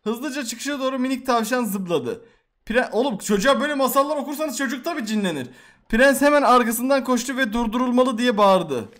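A young man hosting a horror game video, reacting loudly with swearing and reading story text aloud. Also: very high-pitched, animated, a little fast. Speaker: gameplay video host. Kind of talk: excited horror game commentary.

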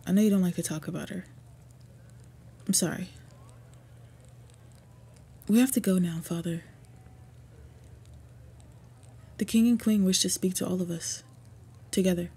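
In a fantasy roleplay audio, a woman plays a young orc princess who is earnest and respectful, her fairly low voice soft and breathy-edged. She speaks haltingly, with tender pauses, in a wistful mood.

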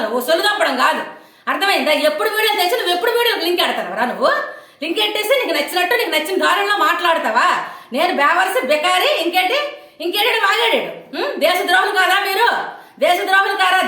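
A woman tears into someone in a fast, scolding rant full of taunting questions. Her voice sits very high and sounds bright and sharp. The sound carries an echo, as if she recorded in a bare room. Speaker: online commentator. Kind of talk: angry rant to camera.

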